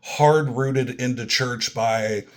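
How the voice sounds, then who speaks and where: Eager, polite American man, mid-pitched. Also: steady tone, slow pace. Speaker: interview guest. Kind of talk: conversational interview.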